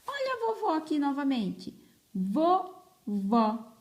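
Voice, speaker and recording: A woman teaching children an early literacy lesson stretches words out slowly and stresses each syllable as she repeats it. Her voice is fairly high and dark in tone, with lively intonation. The recording was made on a phone.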